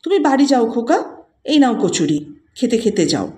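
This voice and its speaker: A woman voicing an affectionate young woman who speaks in a tender, coaxing way, sometimes sharp. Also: fairly high pitch, very animated, moderate pace. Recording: roomy echo.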